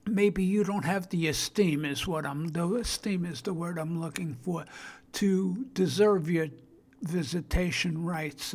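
Older female podcast host, Brooklyn accent, creaky husky voice, halting plain-spoken delivery. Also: fairly low pitch, a little mellow. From Brooklyn, New York. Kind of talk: informal solo podcast talk.

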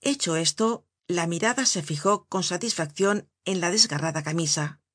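A woman reading a novel aloud in measured, even audiobook narration. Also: fairly low pitch, no room sound, studio quality.

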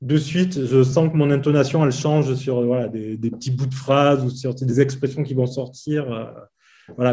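A man from southeast France with a softened southern French accent, chatting casually and hesitantly, with many fillers. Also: mid-range voice. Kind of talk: casual conversation.

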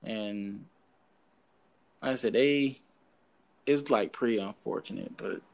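A man's voice: on the low side, slow, vocal fry, darkish tone. Rambling man on a gaming podcast. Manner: rambling, filler-heavy, searching for words. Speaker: podcast co-host. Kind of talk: casual chat.

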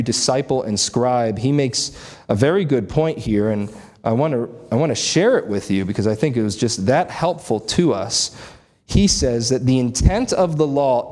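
A man preaches in a church sanctuary. He explains scripture in earnest, measured phrases and often poses rhetorical questions to the congregation. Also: medium pitch, darkish tone. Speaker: pastor. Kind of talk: sermon.

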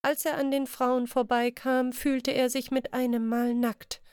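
A woman reading a fantasy audiobook in a measured, expressive way, close to the microphone. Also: high voice, clean tone, dry recording. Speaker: audiobook narrator. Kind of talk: scripted fantasy audiobook narration.

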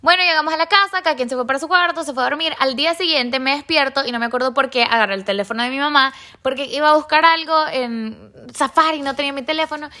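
A young woman from El Salvador, hosting a casual chat and telling stories in an animated way. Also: sits high, fast talker, hardly any pauses. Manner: animated storyteller, acts out quoted voices. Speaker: podcast host.

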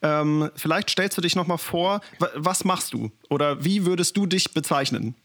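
A man's voice: on the high side, normal speed, fairly bright tone. A man co-hosting a casual podcast, often agreeing briefly and asking the guest to introduce himself. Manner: affirming, lots of short agreements. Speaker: podcast host.

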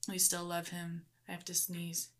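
A young pregnant woman speaks softly and tenderly to the camera, chatting with many fillers. Her voice is bright and clear but sits low for a woman. Her pitch stays flat and even. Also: normal speed, a little hiss or hum. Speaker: vlog co-host, pregnant mother. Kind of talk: casual couple chat to camera. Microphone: microphone on camera.

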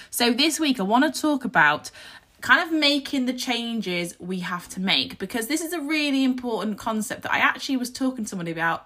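A woman in her thirties hosts her own casual solo podcast despite a sore throat, which makes her voice croaky and husky. Her medium-pitched tone stays bright and forward as she speaks earnestly, reflectively and motivationally.

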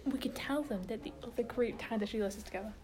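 A woman playing a tabletop game, eagerly pitching ideas in casual talk. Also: fast talker, over a noisy crowd. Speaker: player.

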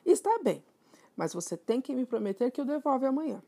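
A woman's voice: high-pitched, big pitch swings, a little fast, creaky, dark tone, husky, voice pushed up, heavily acted. A woman doing a matter-of-fact young boy. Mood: explaining. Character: young boy, proud parrot owner.

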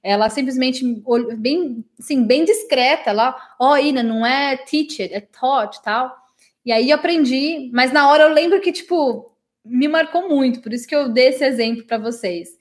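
Chatty high-voiced woman teaching English. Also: normal speed. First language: Portuguese. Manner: chatty and warm with her audience, many "né?" tags. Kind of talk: live-streamed English lesson, chatting with viewers.

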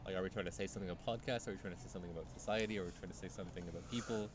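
A man's voice: low voice, racing, noisy background. A man co-hosting a podcast in a casual chat, thoughtful and probing, asking many questions. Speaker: podcast co-host.

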